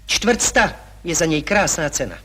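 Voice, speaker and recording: A fussy hypochondriac suitor. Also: male voice, a little high, big pitch swings, background noise. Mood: argumentative. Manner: stiffly formal and argumentative, complains of heart palpitations. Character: fussy hypochondriac young landowner, touchy. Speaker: anxious suitor in a stage comedy. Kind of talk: 1960s television stage acting.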